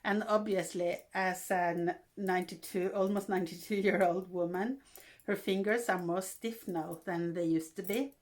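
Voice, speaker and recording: A Norwegian woman in her sixties hosts a casual vlog in English with a Norwegian accent. She speaks haltingly, with fillers and restarts, in a fairly low, fairly even voice.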